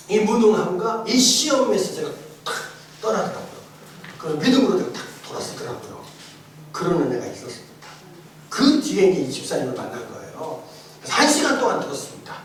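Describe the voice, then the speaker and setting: A male pastor giving a testimony sermon, animated and emphatic, shifting from shouts to soft asides and laughing often. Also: sits high, slight background noise. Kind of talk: testimony sermon in a church training course. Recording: echoey church hall, mic far off.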